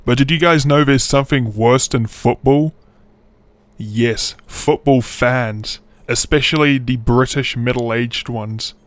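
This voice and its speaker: A man's voice: mid-range voice, slow pace, no echo. Crude, sarcastic male YouTuber ranting. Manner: sarcastic, crude, mock-earnest. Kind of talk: crude comedic rant.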